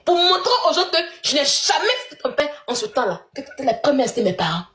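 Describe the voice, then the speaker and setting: A woman's voice: high-pitched, sing-song, quick pace, a bit bright, reverberant. A woman ranting heatedly, mocking her rival and laughing scornfully between jabs. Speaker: social media personality in a feud. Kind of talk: angry livestream rant.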